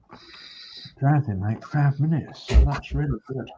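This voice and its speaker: With a Hull accent, a medium-pitched voice, and a measured pace, a man demonstrates model-making as a hobbyist. He chats casually over his workbench, often muttering to himself as he works, and the room recording is dull and noisy.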